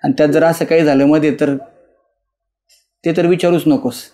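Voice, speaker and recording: A man playing a gentle village husband. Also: a little high, fairly even intonation, moderate pace, natural voice. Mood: consoling. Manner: soothing, reassuring, repetitive. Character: gentle rural husband comforting his grieving wife. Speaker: husband in a village web series.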